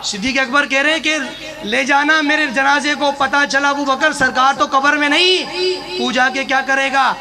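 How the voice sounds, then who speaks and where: A man preaching an impassioned sermon, telling stories with quoted dialogue and building to shouts. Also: very high voice, moderate pace. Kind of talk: sermon to a live audience. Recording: sermon with a loud crowd behind. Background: crowd.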